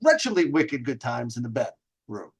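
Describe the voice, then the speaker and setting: A man with a medium-pitched, slightly rough voice and huge pitch swings talks at normal speed as host of a dating advice show. Brash and emphatic, he casually tells stories, drags out stressed words and asks rhetorical questions while advising viewers in a monologue.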